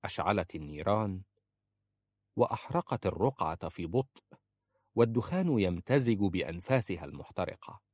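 A man narrating a novel as an audiobook in an expressive, dramatic way. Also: sits low, moderate pace, pauses often, no echo.

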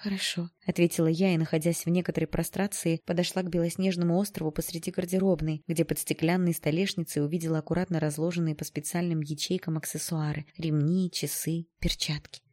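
A woman narrating a first-person audiobook with expressive, emotional storytelling. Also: low voice, fast, few pauses.

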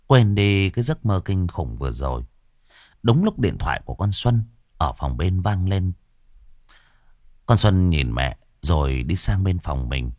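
A man narrates a ghost story in a low voice that swings widely in pitch. He tells it dramatically. The recording is dry and close. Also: a little mellow, dry recording.

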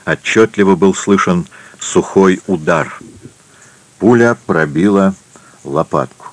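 Low-voiced man reading an adventure audiobook. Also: takes it slowly, no room sound. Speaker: audiobook narrator. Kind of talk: scripted narration.

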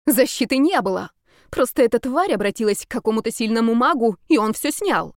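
Brief: female narrator doing an obsessed young woman, urgent and loud, dry sound. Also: medium pitch, animated, fairly quick, no echo, natural voice. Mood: furious. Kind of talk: audiobook reading.

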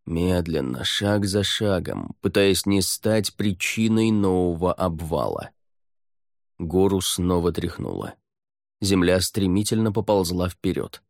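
A man reads audiobook narration in a very low, steady, measured voice. The sound is close and dry, with no room around it. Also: gravelly, no echo. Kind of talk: scripted narration.

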